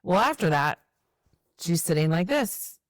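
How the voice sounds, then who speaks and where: A woman, co-hosting a podcast and telling stories in a lively, casual way, swearing freely. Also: on the low side, unhurried, no echo. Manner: animated storyteller, swears freely. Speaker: podcast co-host. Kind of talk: casual conversation.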